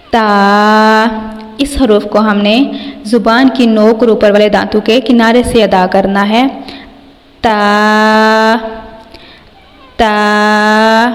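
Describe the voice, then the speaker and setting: A woman with a Pakistani Urdu accent gives a patient tajweed lesson with a fairly high voice. She pronounces each letter slowly and at length, then explains it in an even, level tone. The voice carries a long reverb, as in a hall. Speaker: Quran reading teacher. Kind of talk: slow instructional tajweed lesson.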